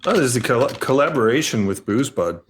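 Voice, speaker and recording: A man's voice: medium pitch, sing-song, a little fast, a little hiss or hum. A man chatting casually on a game stream, rambling and joking. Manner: rambling, jokey, laughs often.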